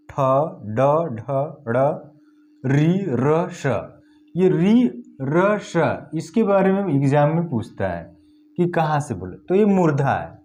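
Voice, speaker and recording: A male teacher with a fairly high voice that rises and falls a lot, taking his time as he runs through an exam-prep lesson. He says each letter out loud one at a time and spells things out for the students. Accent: Hindi-speaking north Indian. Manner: slow, deliberate, sounding out each letter.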